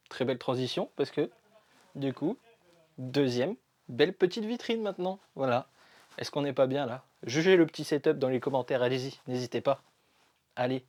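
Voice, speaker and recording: A man's voice: medium pitch, darkish tone, no echo. A man chatting casually and enthusiastically to camera while reviewing a toy set, with lots of fillers. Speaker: LEGO reviewer. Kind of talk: casual vlog chat.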